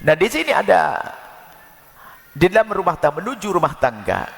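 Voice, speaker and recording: A man preaching a sermon in a lively, folksy way, with jokes and small acted-out scenes. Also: high voice, normal speed, gravelly, big-room sound.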